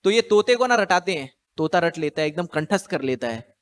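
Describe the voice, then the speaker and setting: High-voiced male preacher in a reverberant hall. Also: lively intonation, a little fast, clean tone. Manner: storytelling, repeats lines for listeners to echo. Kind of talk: Hindi scripture lecture.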